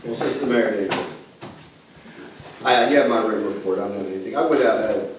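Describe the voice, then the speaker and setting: Lawyer guy, really deep voice, quick and short, loud hiss, echoey. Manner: quick, brief, businesslike. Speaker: borough solicitor. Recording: echoey room from far off with loud noise.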